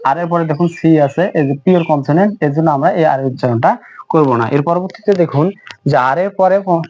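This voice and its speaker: Slow, repetitive male English teacher. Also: a little high, a little mellow, no room sound, highs cut off. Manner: explains slowly, repeats words, many fillers; reads English examples very slowly. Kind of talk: spoken English lesson.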